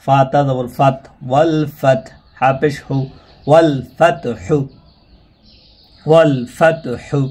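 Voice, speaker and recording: A man giving a Quran reading lesson, spelling out each word and explaining pronunciation rules. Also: mid-range voice. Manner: slow drawn-out recitation alternating with plain explaining. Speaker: Quran recitation teacher.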